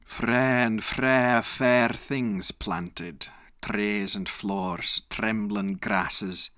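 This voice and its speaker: A man solemnly and dramatically reciting epic verse in a reconstructed Elizabethan English accent, with measured, declamatory delivery. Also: on the low side, fairly even intonation, pushed and bright, no room sound, clean studio sound. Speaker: poetry reciter.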